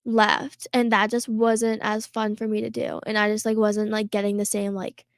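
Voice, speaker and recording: A teenage girl telling a story in casual podcast chat, full of "like" fillers and quick laughs. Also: mid-range voice, monotone, no echo, studio quality. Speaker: podcast co-host.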